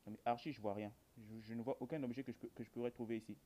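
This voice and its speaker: A man's voice: medium pitch, fairly even intonation, rapid-fire, mellow. A man giving casual horror game commentary, rambling to his viewers in colloquial speech with dry jokes. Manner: rambling, addresses viewers, colloquial, dryly joking. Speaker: gamer, video host.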